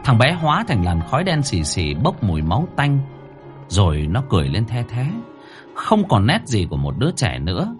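A man narrating a horror story in a dramatic, highly expressive manner. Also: moderate pace, soft background music. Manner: highly expressive, rising to cries.

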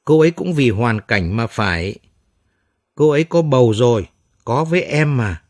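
A man's voice: mid-range voice, expressive, moderate pace, dry recording, studio quality, natural voice. A man voicing a young pharmacist defending his pregnant lover against his sisters, pleading and defensive.

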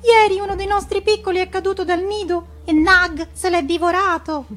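Woman doing a tiny sad male bird, storybook, high thin voice, slow and plaintive. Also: steady tone, fairly bright tone. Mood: grieving. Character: small grieving male songbird, tearful.

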